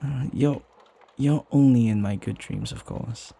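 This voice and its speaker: In this romantic ASMR roleplay, a male voice actor takes the part of a devoted butler who flirts, his medium-pitched voice gravelly and husky. He speaks gently and tenderly, pausing hesitantly as he teases, in a tender, flirtatious mood.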